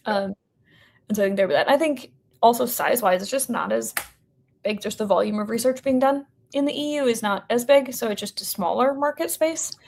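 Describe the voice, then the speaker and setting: Fairly quick and a little high, with vocal fry, the voice belongs to an American woman appearing as a podcast guest on behalf of a company. The interview is casual, and she hedges with plenty of "like" and "sort of."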